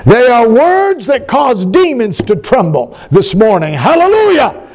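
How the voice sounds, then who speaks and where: A man's voice: extremely high pitch, sing-song, measured pace, darkish tone. A male pastor preaching a sermon in a church, emphatic and drawn out, calling the congregation to repeat after him.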